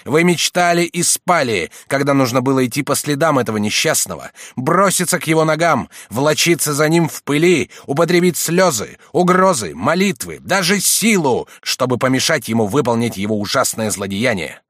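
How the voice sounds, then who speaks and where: A man's voice: mid-range voice, animated, brisk, no room sound, clean studio sound, natural voice. A man voicing a stern old cardinal who rebukes a monk, reading a storybook aloud. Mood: reproachful. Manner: rebuking, rising and forceful.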